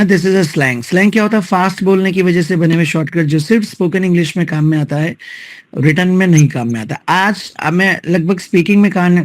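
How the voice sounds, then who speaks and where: A man's voice: sits high, no room sound. A man teaching spoken English in an online class with an Indian accent. He moves between Hindi and English, adds tag questions to check on his students, and drills words sound by sound.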